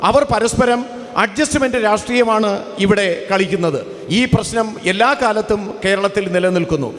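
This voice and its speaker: A man's voice: high-pitched, normal speed, a bit bright, big-room sound. A man interpreting a campaign speech for a crowd in a formal, declamatory way with repeated phrasing.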